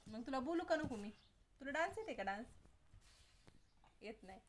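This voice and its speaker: Filming at home, a family member talks with a small child in a casual chat, prompting her again and again with questions. The woman's voice is high-pitched and animated, at a normal speed.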